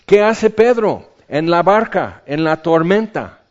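A man's voice: high-pitched, very animated, slow. Man preaching, lo-fi sound. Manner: conversational teaching with rhetorical questions and asides. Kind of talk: sermon. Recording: dull lo-fi recording.

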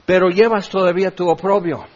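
A man's voice: sits high, steady tone, a little fast, darkish tone. A middle-aged man with a Mexican accent preaching a sermon as pastor, impassioned and full of rhetorical questions. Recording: dull lo-fi recording.

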